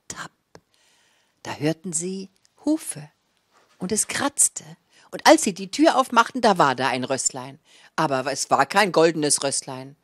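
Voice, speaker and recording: A woman in her sixties tells fairy tales live to a small audience in a small indoor room with a curtained stage, speaking into a handheld mic held close. Her lower-register delivery is dramatic and savouring, full of repetitions and drawn-out words. The sound is clean studio quality with little to no room sound.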